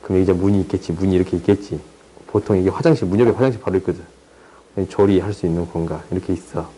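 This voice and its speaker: A young man tutoring high school math in a chatty, teasing way, often checking that students follow. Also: steady tone, rapid-fire, warm tone, slight background noise, poor audio. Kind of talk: casual online math lesson.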